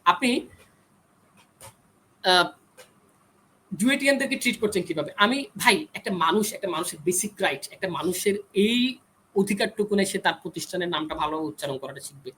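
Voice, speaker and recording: A man's voice: high-pitched, animated, a little fast, pauses often, sharp tone, a little hiss or hum, rough recording. A young man speaking as a guest on a discussion panel, arguing his side insistently and refusing to be cut off. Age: young adult. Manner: insistent, argumentative, pushes back when cut off. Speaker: panel guest, engineering student. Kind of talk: heated panel debate.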